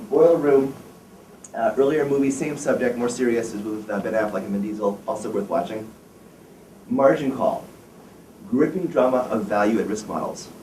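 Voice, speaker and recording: Speaking to students in a lecture room, a wealth management firm president in his fifties delivers a frank, opinionated career talk and tests the audience with questions. His voice sits at medium pitch with a darkish tone. The distant recording picks up room echo and a faint hiss of noise.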